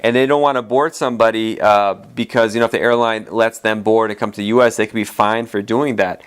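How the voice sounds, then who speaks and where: A man with a low, smooth and resonant voice hosts a solo podcast on immigration law. He talks in a loose, rambling way, full of fillers and restarts. His voice sounds worn from a long day of talking. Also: steady tone, brisk. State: voice tired from talking all day. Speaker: immigration attorney and podcast host.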